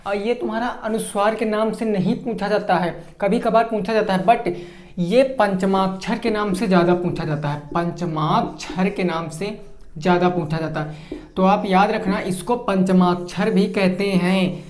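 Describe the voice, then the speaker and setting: A man with a high voice speaks at a normal speed in a steady tone. He's a teacher running an exam-prep grammar lesson: he poses a question, answers it himself, draws out his example words, and keeps checking that his students are following. The room is echoey.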